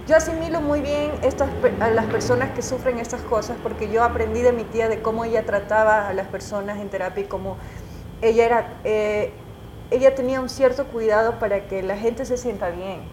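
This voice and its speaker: A woman journalist, telling her own stories as an interview guest in an animated, emotional way, full of restarts. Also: on the high side, brisk, slight background noise. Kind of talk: casual conversational storytelling. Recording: echoey room.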